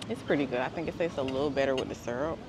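A woman's voice: very deep voice, very fast, background noise. A young woman talking casually to viewers as a travel vlogger. She talks straight to her audience and fills her speech with "like" and "literally". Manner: chatty, addresses viewers directly, many "like"s and "literally"s. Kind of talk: casual vlog talk to camera.

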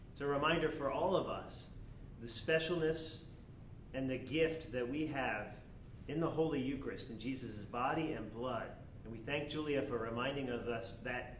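Priest with cathedral echo, distant. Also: male voice. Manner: measured, prayerful liturgical cadence. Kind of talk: leading the Mass liturgy. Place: large church. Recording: echoey church, distant mic, faint rumble.

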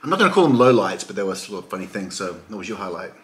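A man in his forties from Chicago, chatting casually to camera as a travel vlogger, excitable and talkative. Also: low voice, racing, husky. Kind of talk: casual vlog chat. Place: train station, flat, stadium concourse. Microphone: camera held at arm's length.

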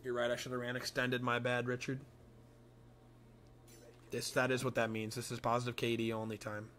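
Young man, game streamer, frat-bro manner, crude slang, mid-range pitch, casual chat. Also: monotone, normal speed, a bit bright, a little hiss or hum. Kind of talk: casual livestream gameplay chat.

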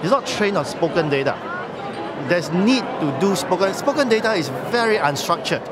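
A man, giving a brisk, persuasive product pitch at a trade show, filling gaps with "uh". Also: animated, very noisy. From Singapore. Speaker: company tech chief giving a product demo. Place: busy indoor trade-show hall. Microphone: handheld camera mic held close. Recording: loud trade-show crowd. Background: loud crowd chatter.

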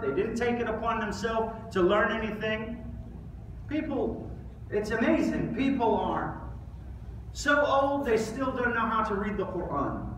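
In a large indoor mosque prayer hall, a man in his thirties gives a sermon with a high-pitched, fairly bright voice. He preaches emphatically and deliberately, using rhetorical questions and pauses, and quotes Arabic recitation during his Islamic lecture. A distant camera or phone picks him up, so the sound is echoey and faintly noisy.

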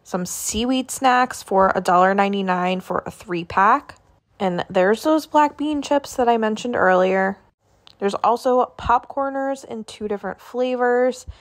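Filming on her phone, a woman vlogs a relaxed stroll through a grocery store, chatting about products and listing prices. Her voice is a little high and her pace a bit slow.

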